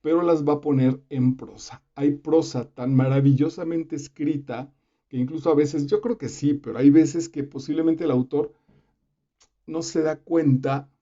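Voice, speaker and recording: A man's voice: on the high side, steady tone, measured pace, dark tone. A man explaining literary genres in a casual, conversational lesson, with fillers and asides to the viewer. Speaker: literature teacher. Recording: slightly dull lo-fi recording.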